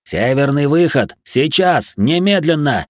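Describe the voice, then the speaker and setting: A man's voice: mid-range voice, normal speed, a little mellow, no echo, studio quality, pitched above the performer's own voice, lightly acted. A man voicing the first-person hero of an audiobook, speaking urgently and insistently. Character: determined young man, urgent leader.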